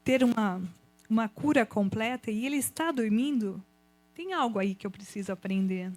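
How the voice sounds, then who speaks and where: A woman giving an emotional church testimony, telling her story in an animated, expressive way. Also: a little high, moderate pace. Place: church event.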